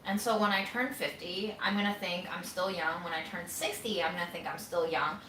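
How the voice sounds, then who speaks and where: Candid, bright-voiced woman in her thirties. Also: fairly low pitch, fairly even intonation, normal speed, slight background noise. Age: 30s. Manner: candid, rambling, wry. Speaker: vlogger caring for her grandmother. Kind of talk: casual musing while cooking. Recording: roomy sound, mic at a distance.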